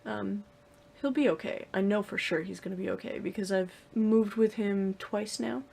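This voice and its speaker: A woman's voice: mid-range voice, steady tone, moderate pace, vocal fry, darkish tone, breathy edge. A young woman talking casually to the camera in her room at home, rambling with lots of fillers and restarts. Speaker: vlogger. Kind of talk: casual vlog talk to camera.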